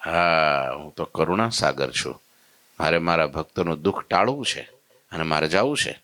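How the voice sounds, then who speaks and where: A man's voice: a bass voice, lively intonation, normal speed, sharp tone, voice pushed down, exaggerated voice. A man voicing a compassionate divine master who speaks with firm, reassuring commands. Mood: resolute.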